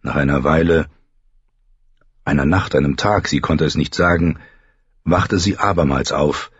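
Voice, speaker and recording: A man with a very deep, husky voice reads a fantasy story at an unhurried pace. The recording is dry and close, a little muffled in the highs, and his delivery stays measured and even. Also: no echo. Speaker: audiobook narrator. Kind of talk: scripted fantasy narration.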